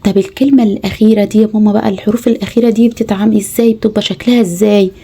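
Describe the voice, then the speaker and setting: A woman's voice: mid-range voice, fairly even intonation, racing, mellow, husky. A woman with an Egyptian Arabic accent, teaching mothers how to tutor their children, patiently spelling out letters one by one. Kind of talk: home tutoring lesson.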